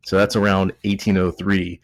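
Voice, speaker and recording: Deep-voiced and speaking with a Texan accent, a podcast host a few beers in chats jokily and casually, rambling and correcting himself. His delivery is flat and his pace moderate, captured in a dry recording.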